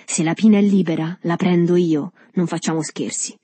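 A woman voicing a red-faced, jovial man who gets loud and agitated, read as an audiobook. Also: lowish voice, fairly even intonation, normal speed, breathy edge, no echo. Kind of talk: audiobook reading.

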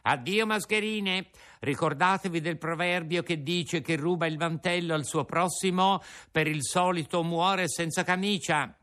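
A man's voice: fairly high pitch, unhurried, pushed and bright, pitched above the performer's own voice. A man doing an earnest young wooden puppet.

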